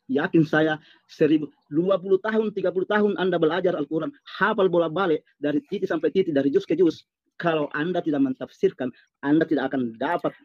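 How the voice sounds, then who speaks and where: A man's voice: on the high side, brisk, dry recording, dull audio. A man in a heated online religious debate, stern and reproachful, repeating his points.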